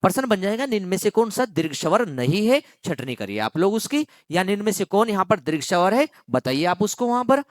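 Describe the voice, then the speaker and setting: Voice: medium pitch, sing-song, fairly quick, few pauses, dry recording, clean studio sound. A teacher giving a grammar lesson for exam students, repeating key phrases, asking the class questions and stretching out words to show long vowels.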